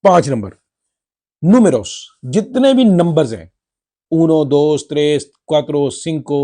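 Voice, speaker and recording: Slow, dark-voiced man teaching Spanish. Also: fairly high pitch, lively intonation. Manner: spells out words and repeats them slowly. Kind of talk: slow spoken language lesson.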